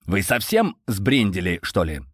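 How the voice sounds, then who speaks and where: A quick-tempered young man, loud and heated in an audiobook scene, as a male reader puts him on. His voice sits low. It is recorded dry and close. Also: big pitch swings, dry recording, full character voice. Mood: angry.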